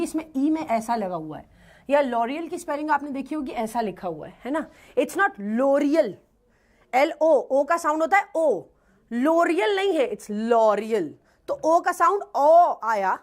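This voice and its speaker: High-voiced woman teaching English. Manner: lively, quizzing students with rhetorical questions. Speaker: English teacher for bank exams. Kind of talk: classroom lecture.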